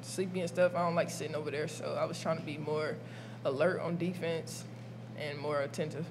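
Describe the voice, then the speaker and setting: A young woman college freshman player answering at a post-game press conference, soft-spoken and earnest, into a table mic. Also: deep voice, steady tone, a little fast, background noise. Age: young adult.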